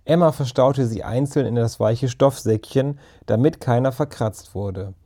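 A man reading a children's story aloud in a calm, even storytelling manner. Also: medium pitch, unhurried. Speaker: narrator. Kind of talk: audiobook narration.

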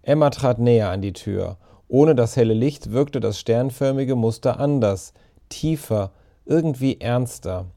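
A man narrating a story in a calm, measured audiobook reading. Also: mid-range voice, creaky.

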